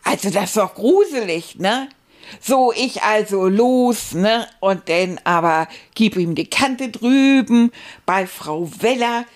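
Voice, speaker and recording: A woman's voice: medium pitch, expressive, takes it slowly. A woman voicing a cheerful, boastful male stuffed rat puppet who chats playfully to children as a storyteller. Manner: playful, exclamatory, boastful, chatty.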